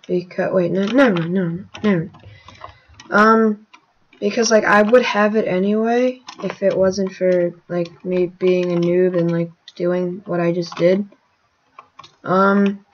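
A woman casually narrating her gameplay as a channel host, rambling with many fillers and sudden excited outbursts. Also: mid-range voice, highs cut off, a little hiss or hum.

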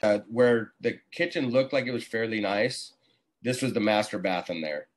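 Speaking at normal speed in a lowish voice, an easygoing man in his forties, a contractor, chats casually as an interview guest. He's on a video call from a small indoor room, heard through his computer's microphone.

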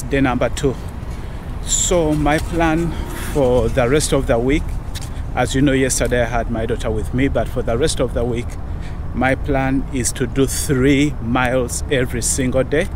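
Slow-talking man vlogging outdoors. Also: mid-range voice. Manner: unhurried, chatty, with fillers. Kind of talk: casual fitness vlog. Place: outdoors on suburban sidewalks and in a car. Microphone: action camera held close. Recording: outdoor street noise.

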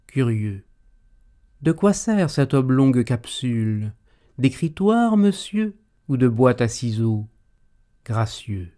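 A proud swordsman-poet, acted out by a man, declaims theatrical verse in a medium-pitched voice. He takes his time over each phrase, mocking and witty, changing tone with showy stage flair. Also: dark tone, natural voice. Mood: playful, ironic. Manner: declamatory, shifting tone from line to line. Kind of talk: theatrical French verse monologue.

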